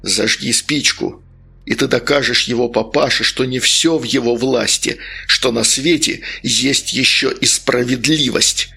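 A man's voice: medium pitch, fairly even intonation, unhurried, gravelly, bright, forceful tone, husky, full character voice. Man doing a stern, menacing sorcerer. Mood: stern, persuasive. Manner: stern, coaxing, harsh barks. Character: stern menacing male sorcerer, cruel, persuasive.

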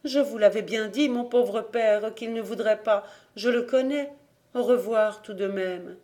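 A man doing an anxious young woman, high and fretful. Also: a little slow, darkish tone. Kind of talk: audiobook character reading.

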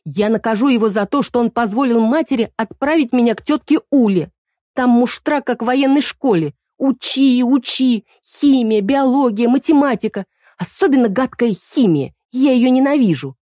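A woman's voice: fairly high pitch, expressive, a little fast, dark tone, no echo, studio quality, pitched above the performer's own voice. A woman voicing a capricious, scheming young princess with a whiny, petulant manner. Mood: resentful.

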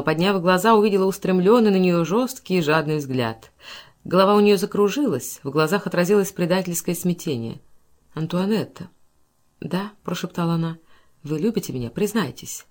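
A woman narrating a classic literary audiobook in a measured, expressive, often hushed way. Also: lowish voice.

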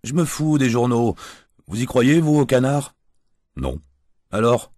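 A man's voice: mid-range voice, lively intonation, a little slow, darkish tone, no room sound, studio quality, pitched above the performer's own voice, close to an everyday voice. A man doing a drunk, self-pitying aging gigolo. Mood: sneering. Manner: coarse slangy rambling, whiny.

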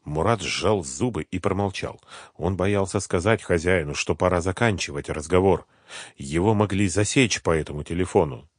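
Low-voiced man reading an audiobook. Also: normal speed, no echo, studio quality. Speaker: audiobook narrator. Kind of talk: scripted narration.

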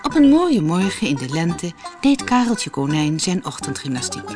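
Expressive woman reading a children's story. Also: fairly low pitch, moderate pace. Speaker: audiobook reader. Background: music.

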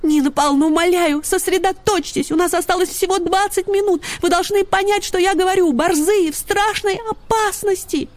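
A woman voicing a small, brave young female dachshund who talks in a high, breathless, pleading way. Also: normal speed, dark tone, slightly rough, no echo. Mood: frantic pleading.

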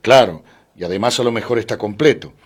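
A man's voice: on the low side, a little fast, lightly acted. A man reading a tense, protective young passenger who speaks insistently.

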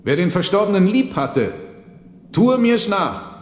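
A man's voice: on the high side, lively intonation, measured pace, gravelly, a little mellow, pitched above the performer's own voice. A man voicing a mysterious Franciscan monk who speaks in a raised, declaiming way. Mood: ringing toast. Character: mysterious male Franciscan monk, solemn and commanding. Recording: roomy with long reverb, faint noise.

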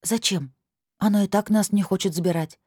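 A woman's voice: medium pitch, brisk, mellow, breathy edge, no room sound, clean studio sound, voice pushed up, lightly acted. A woman reading an audiobook voices a stubborn teenage girl who wails and talks nasally through her sobs. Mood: hopeful. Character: sobbing stubborn teenage girl, sulky then eager.

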